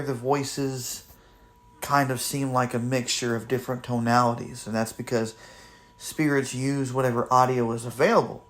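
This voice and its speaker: A man hosting a spirit box session, commenting to viewers in deliberate, halting phrases with pauses. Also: medium pitch. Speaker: paranormal investigator and host.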